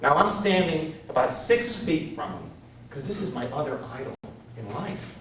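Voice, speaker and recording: A man's voice: on the high side, very animated, normal speed, a crowd in the background. A male comedian from Connecticut telling a self-mocking story in a one-man comedy show, acting out the other people's voices. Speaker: stand-up comedian. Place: theater stage before a live audience. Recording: roomy live theater sound from a distance, audience laughter.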